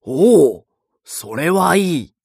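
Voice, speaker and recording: A man voicing an old male mouse, a fretful elder who speaks in slow, old-fashioned, grumbling phrases. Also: fairly low pitch, no room sound. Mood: delighted.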